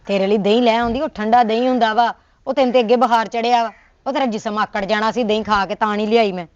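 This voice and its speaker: A woman with a Punjabi accent acting a sharp-tongued, nagging wife in a comedy sketch. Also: on the high side, steady tone, quick pace, highs cut off. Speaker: comic actor as a scolding wife.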